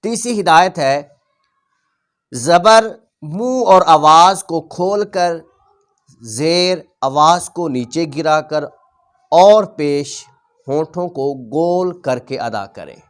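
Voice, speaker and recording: A male Quran teacher explaining a reading lesson patiently, repeating each rule and sounding out letters slowly. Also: a little high, animated, smooth.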